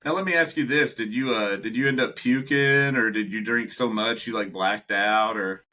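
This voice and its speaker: A young man with a bright, clear voice, chatting on a podcast. He tells stories with lots of energy, laughs often and acts out what people said. His pitch sits in the middle for a man. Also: moderate pace. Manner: animated storyteller, laughs often, acts out quotes. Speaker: podcast co-host. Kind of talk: casual chat.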